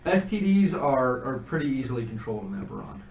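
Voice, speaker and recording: A man's voice: medium pitch, very animated, fast talker, vocal fry, darkish tone, echoey room, recorded from a distance, low-quality recording. A man narrating as game master of a tabletop game, describing things in a loose, conversational way.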